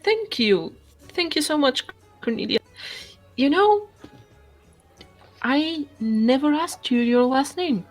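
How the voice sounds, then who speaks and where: A woman playing her character in a tabletop game, chatty, hesitant and quick to laugh. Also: sits high, expressive, faint music behind. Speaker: player.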